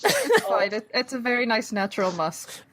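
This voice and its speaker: Easygoing woman player, slightly high, breathy, unhurried. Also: big pitch swings, a bit bright. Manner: laughing, easygoing.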